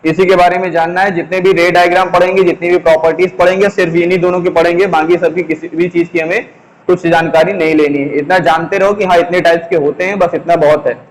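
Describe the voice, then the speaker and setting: A male teacher giving a classroom lesson, speaking slowly, repeating key terms and asking the class questions. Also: high voice, little pitch movement, slight background noise. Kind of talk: classroom lesson, explaining while writing on a board. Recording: long echoing reverb.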